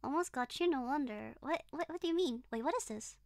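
This is a dry, studio-quality recording of a young woman streaming a horror game as a virtual streamer while game music plays. Her high-pitched voice is expressive and brisk, carrying a non-native English accent since English isn't her first language. She reads chat, chats with viewers, and shrieks then giggles when startled.

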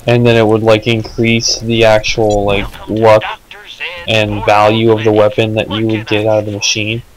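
A man's voice: lowish voice, completely flat delivery, moderate pace, poor audio. A man chatting casually while playing a video game, rambling with lots of fillers and swearing. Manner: rambling, filler-heavy, profane. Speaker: gamer. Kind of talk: casual let's-play chat.

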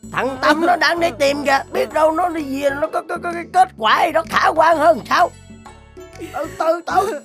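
An exasperated, chiding relative. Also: female voice, high voice, fairly even intonation, moderate pace. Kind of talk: film drama acting. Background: film score music.

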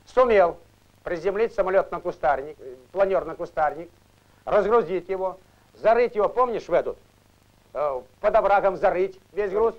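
A man, a veteran glider pilot, recounting war memories in a spontaneous, earnest way with repetitions. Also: high-pitched. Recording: muffled archival film sound.

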